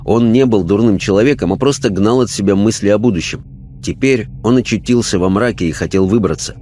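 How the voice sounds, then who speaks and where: A man narrating a story in an expressive storytelling manner. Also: on the low side, fairly quick, a little hiss or hum. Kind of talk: scripted narration.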